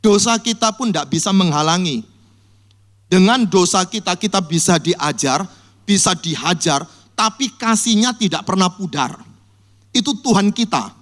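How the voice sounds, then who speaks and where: Man, pastor, lively church sermon, storytelling, slightly high voice. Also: normal speed.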